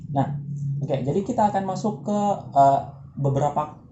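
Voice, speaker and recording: Man teaching pronunciation, casual and joking, mellow voice, echoey room, dull sound. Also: on the high side, moderate pace, a little hiss or hum. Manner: joking, drills words for repetition.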